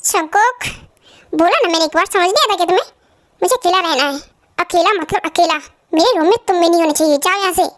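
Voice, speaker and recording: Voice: extremely high pitch, fast, fairly bright tone. A performer voicing a cold, short-tempered young man who speaks in a curt, commanding way, in a fan-dubbed drama. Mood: angry. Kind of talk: fan dub drama acting.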